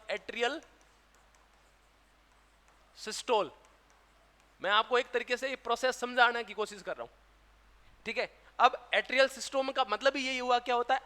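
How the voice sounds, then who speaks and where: A man with a very high, bright voice lectures with a Rajasthani Hindi accent, asking a question and then answering it himself. His voice rings out with a long reverb, like a big lecture hall. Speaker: teacher. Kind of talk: classroom lecture.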